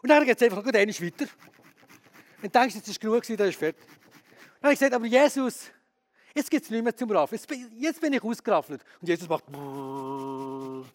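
A man preaches with a high voice for a man. He talks in a lively, candid way and keeps turning to his listeners with questions. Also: fast talker, long pauses. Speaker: pastor. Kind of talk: sermon.

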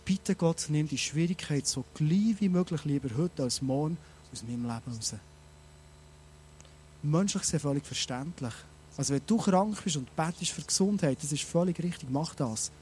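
A man preaching a sermon, animated and speaking straight to his listeners with many rhetorical questions. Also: fairly high pitch, normal speed, a little hiss or hum.

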